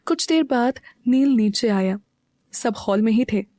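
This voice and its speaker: A woman narrating an audio story in a slow, even storytelling manner. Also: fairly high pitch, no echo, studio quality. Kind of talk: scripted narration.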